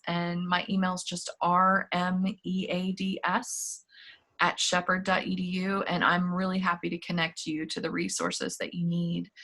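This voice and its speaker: A woman from the student activities staff hosts a virtual campus meeting over a video call, keeping things upbeat, chatty, and encouraging. Her voice sits on the low side with a fairly bright tone, and the talk is casual.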